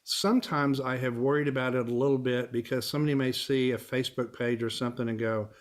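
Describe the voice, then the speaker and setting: Middle-aged man from Texas, easygoing interview guest, mid-pitched voice. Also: level tone, quick pace. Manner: easygoing storyteller, chuckles while talking. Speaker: guest, family law attorney and actor. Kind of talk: casual interview conversation.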